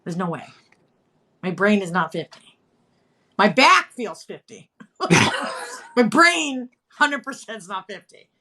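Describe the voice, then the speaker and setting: A woman in her fifties chats candidly on a live stream. She is animated and talkative and often makes fun of herself. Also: mid-range voice, slow, pauses often, breathy edge. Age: 50s. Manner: chatty, animated, candid, self-deprecating humor. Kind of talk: casual chat.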